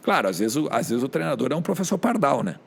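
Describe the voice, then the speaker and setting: A middle-aged man with a Rio Grande do Sul accent, a sports journalist telling stories in an animated, colloquial way on a podcast. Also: medium pitch, quick pace, vocal fry, husky. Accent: Rio Grande do Sul Portuguese. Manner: animated, colloquial, with frequent filler tags. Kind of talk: casual podcast storytelling.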